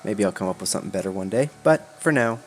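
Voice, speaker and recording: A man's voice: on the low side, animated, quick pace, slight background noise. A man hosting a casual game stream, laid-back, reading game text aloud with dry asides. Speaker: channel host. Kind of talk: casual gaming chat.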